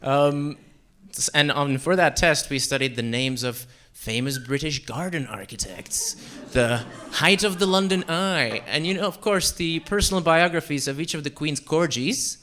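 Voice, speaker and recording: Young male stand-up from Central Europe, dry self-mocking delivery, slightly high bright voice. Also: moderate pace. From Czech Republic and Slovakia. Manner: deadpan, self-deprecating, with fillers. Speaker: stand-up comedian. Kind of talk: stand-up comedy set. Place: comedy club stage.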